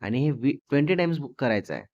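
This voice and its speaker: A man's voice: medium pitch, sing-song, quick pace, a little mellow. A man voicing a fiery, teasing young wife, who scolds and bosses her husband. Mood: bossy. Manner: scolding, bossy. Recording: dull dry lo-fi recording.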